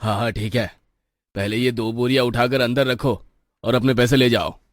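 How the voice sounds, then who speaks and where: A man's voice: mid-range voice, steady tone, moderate pace, dry recording, studio quality, natural voice. A man voicing a callous middle-aged factory owner in a cartoon, brusque and dismissive.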